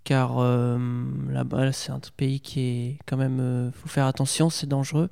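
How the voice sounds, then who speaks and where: A man's voice: mid-range voice, little pitch movement, measured pace, creaky, darkish tone, clear, resonant tone, big-room sound. A young man from Portugal, answering interview questions hesitantly with many fillers and restarts. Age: young adult. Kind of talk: casual interview.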